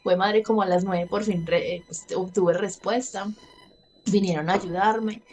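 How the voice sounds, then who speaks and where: Speaking at an unhurried, steady pace, a Colombian woman in her thirties gives a frank personal testimony during an interview. Her medium-pitched voice has a darkish tone, and there's slight background noise. She laughs lightly between sentences and acts out her past words.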